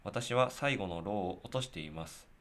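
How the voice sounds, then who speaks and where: A young man speaks. He chats casually on a podcast in a relaxed way, and now and then reads posts aloud. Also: fairly low pitch, normal speed. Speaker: podcast co-host, band member. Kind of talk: casual chat.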